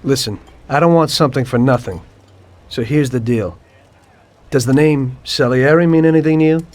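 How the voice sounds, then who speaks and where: A man with a medium-pitched voice speaks at normal speed, lightly acted, with no room sound. He plays a former cab driver turned mafioso informant in a video game, coolly narrating his past to a detective. He stays calm, unrepentant, and matter-of-fact.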